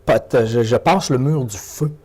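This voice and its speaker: With a Québécois French accent, this Quebec-born motivational speaker talks animatedly in an interview, repeating words and phrases to drive points home. His mid-range voice is a little slow, darkish in tone, with a breathy edge.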